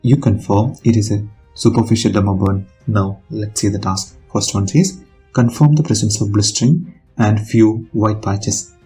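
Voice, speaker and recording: A man with a fairly low, dark and mellow voice teaches by reading out a model dialogue. His delivery is measured, polite and scripted. Music plays behind him. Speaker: teacher of nursing exam speaking practice. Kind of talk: instructional narration, reading out a model role play.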